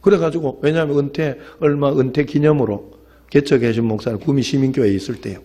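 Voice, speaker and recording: A man's voice: medium pitch, fairly even intonation, fast talker, dark tone. A male pastor with a Gyeongsang accent, preaching an evening sermon in a church and telling stories with emphatic appeals to the congregation. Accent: Gyeongsang Korean. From Gyeongsang region of Korea. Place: church sanctuary.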